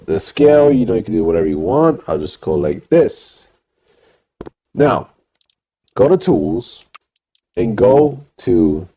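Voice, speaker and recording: A man's voice: medium pitch, warm tone, husky. A man talking through a voice changer, giving a casual step-by-step game tutorial. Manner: plain instructing with filler "you know".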